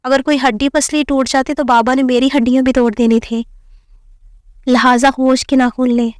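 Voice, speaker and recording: A woman's voice: high voice, level tone, normal speed, darkish tone, no echo, studio quality, natural voice. A woman reading the lines of a kind, teasing young husband in a playful, mock-formal way.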